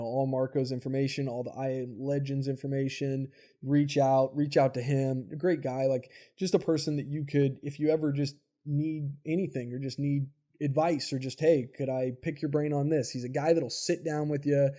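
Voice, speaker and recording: Mellow-voiced man hosting a podcast. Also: medium pitch. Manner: earnest, casual, swears freely. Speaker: podcast host. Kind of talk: casual interview chat.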